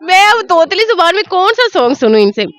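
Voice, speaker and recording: A woman's voice: extremely high pitch, very animated, brisk, very noisy. A woman from Pakistan, hosting a comic street interview and teasingly coaxing her guest. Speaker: interview host.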